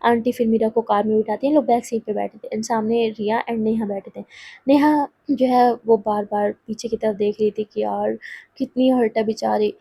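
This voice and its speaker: A woman's voice: fairly high pitch, steady tone, normal speed, creaky, dark tone, husky. A woman telling a romance story in a casual, chatty way, speaking to her listeners directly.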